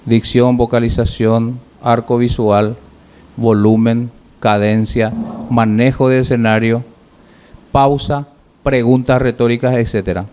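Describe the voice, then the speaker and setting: A man teaching public speaking, giving feedback to his class in a measured way, listing points with pauses and rhetorical questions. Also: mid-range voice, fairly even intonation, darkish tone, clear, resonant tone.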